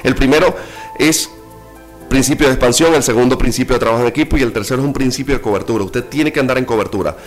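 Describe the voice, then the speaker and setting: A man's voice: medium pitch, fast, faint music behind. A male pastor preaching a sermon, emphatic and rising in exclamations, with playful asides.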